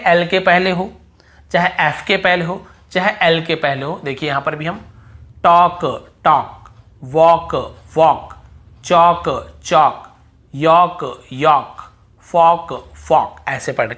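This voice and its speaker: A man's voice: fairly high pitch, fairly bright tone. A man teaching English pronunciation, repeating example words and answering his own questions. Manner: repetitive, drills words aloud, asks and answers own questions. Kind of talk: spoken English lesson on silent letters.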